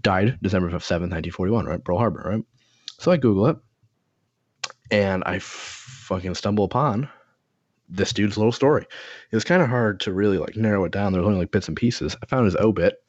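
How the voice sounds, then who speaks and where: A man's voice: on the low side, a little fast, no room sound, highs cut off. A man in a casual chat, telling stories in a rambling, profane way with lots of fillers.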